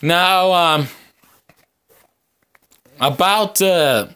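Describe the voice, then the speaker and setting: A podcast host with a bright, forward, somewhat high voice and a clean tone rambles casually to his viewers. He's halting and hesitant, his delivery very unhurried, and he often stretches pauses while searching for the next phrase.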